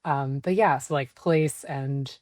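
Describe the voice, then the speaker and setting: A woman's voice: very deep voice, takes it slowly, a little mellow, no room sound, studio quality. A woman in her thirties, a podcast guest speaking reflectively with many fillers. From United States. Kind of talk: podcast interview.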